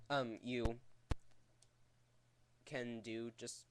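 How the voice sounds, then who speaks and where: A man's voice: medium pitch, noisy background. A man giving a casual, rambling vocal technique tutorial in a crude, jokey, profane way. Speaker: vocal tutorial host teaching screaming technique.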